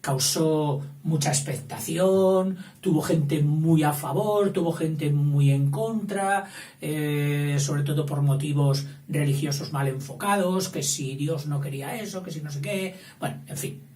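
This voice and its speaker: A man with a fairly high, dark voice and fairly even intonation teaches a school lesson without hurrying. He digresses, corrects himself, and often checks in with a questioning "eh?". The mic is distant in a roomy space with faint background noise.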